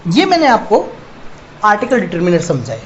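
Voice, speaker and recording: A male teacher giving a grammar lesson, dictating slowly and repeating example words one at a time. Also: high-pitched, huge pitch swings. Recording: dull lo-fi recording, faint noise.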